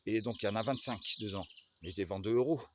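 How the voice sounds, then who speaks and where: A man's voice: on the low side, quick pace, noisy background. A man from the Agen area telling a long personal story, hesitant and full of fillers and restarts. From Agen area, southwest France.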